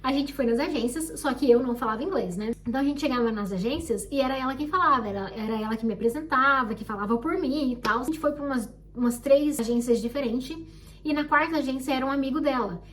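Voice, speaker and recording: A young Brazilian woman telling her own story in a casual, animated way and acting out the people she quotes. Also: sits high, fast talker, distant mic. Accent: Brazilian Portuguese. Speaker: vlogger.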